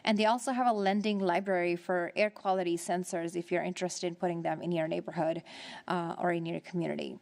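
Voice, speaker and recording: A woman presiding over a city council meeting, reporting on her committee work in a halting way with many fillers and restarts, and out of breath. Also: fairly low pitch, steady tone, gravelly, a little mellow.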